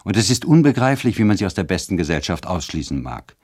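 A man voicing a spoiled, capricious young noblewoman who talks in a shrill, imperious and gushing way. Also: sing-song, fast talker, a little mellow, dry recording, studio quality. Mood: mocking.

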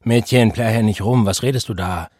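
A male reader voicing a stern young preacher who gives curt, hushed commands in an audiobook. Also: lowish voice, measured pace, breathy edge, dry recording, clean studio sound.

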